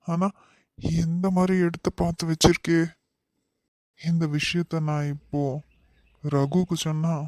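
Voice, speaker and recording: A man voicing a worried, gentle middle-aged father in a cartoon, soft and weary, in Kanyakumari Tamil. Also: a little high, dry recording, clean studio sound, lightly acted. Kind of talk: cartoon voice acting.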